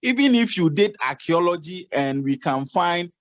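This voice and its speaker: On a video call, a male nursing adviser gives informal advice, often repeating himself and restarting phrases. His voice is high-pitched and a bit bright, with lively intonation and a moderate pace. The audio has no echo, but the highs are cut off.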